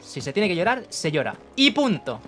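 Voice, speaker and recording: A man's voice: high-pitched, sing-song, normal speed, a bit bright. A man with an accent from Spain giving jokey, casual let's-play commentary, talking to the screen and swearing freely. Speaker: gaming streamer.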